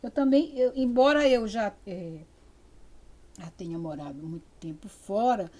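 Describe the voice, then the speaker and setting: A woman's voice: medium pitch, unhurried, warm tone. Older Brazilian woman lecturing, chatty and digressive. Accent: Amazonas interior Brazilian Portuguese. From Amazonas, Brazil. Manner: chatty, digressive, many fillers and restarts. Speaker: university lecturer. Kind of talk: spoken lecture.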